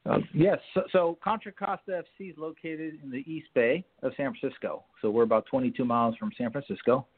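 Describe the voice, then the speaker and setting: A man's voice: medium pitch, brisk, breathy edge. A man who owns a soccer club, a guest explaining things in casual chat and often restarting his sentences. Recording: tinny phone line.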